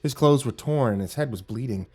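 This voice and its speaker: A man narrating a scripted creepy campfire horror story in a hushed, suspenseful manner. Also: medium pitch, brisk. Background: music behind the voice.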